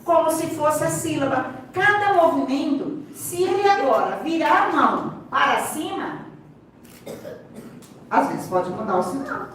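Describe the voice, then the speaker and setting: A woman with a Brazilian Portuguese accent, a speaker and sign language interpreter, explains things at a live seminar in a high, expressive, slightly bright voice, taking her time. She's instructive, repeatedly directs the audience to the demonstration, and throws in playful asides. The hall is very echoey, with a distant mic and faint room noise.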